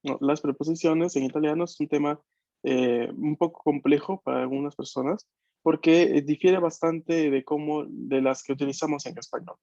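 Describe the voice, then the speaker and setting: A man's voice: on the high side, normal speed, vocal fry, mellow, dry recording. A man teaching a beginners' language class over a video call, patiently checking that students follow. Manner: patient, checks understanding with frequent questions. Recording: dull, dry video-call audio.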